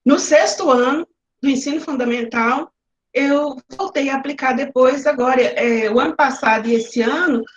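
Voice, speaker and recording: A woman's voice: sits high, moderate pace. A woman teacher with a Brazilian Portuguese accent, presenting classroom activities in an online lecture and explaining them step by step with examples. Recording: roomy, slightly muffled webinar audio.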